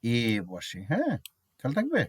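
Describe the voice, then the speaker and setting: Man, teacher, grammar lesson, animated pitch, checks with students, repeats words slowly, dry sound. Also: husky, dry recording. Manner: asks students frequent check questions; mixes English examples into Bengali explanation. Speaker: English teacher. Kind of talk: classroom lesson explaining grammar.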